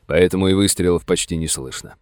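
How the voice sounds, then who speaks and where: A gruff frontier sheriff, voiced by a male narrator in an audiobook. He speaks in a low, dry voice. His orders are curt and commanding. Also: fast talker, a little mellow, no echo, lightly acted.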